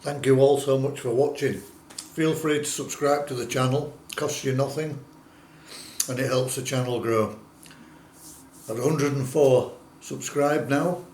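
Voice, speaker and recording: A man's voice: medium pitch, steady tone, a little slow, long pauses, darkish tone. Man in an echoey room, casual food review. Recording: roomy echo, faint background noise.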